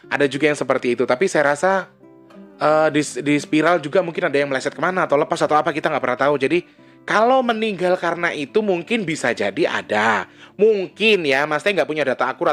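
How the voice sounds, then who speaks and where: A man with a slightly high voice, talking straight to his viewers in a relaxed vlog monologue. He rambles, stops and restarts his sentences as he thinks. Soft guitar music plays faintly behind him. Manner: rambling, with frequent restarts and self-corrections. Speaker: vlogger. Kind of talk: casual spoken monologue.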